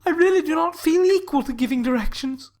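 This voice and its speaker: A woman voicing a nervous, timid man who speaks in a high, fluttery way. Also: lively intonation, fairly quick, darkish tone. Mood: panicked. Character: nervous, timid middle-aged man, easily frightened.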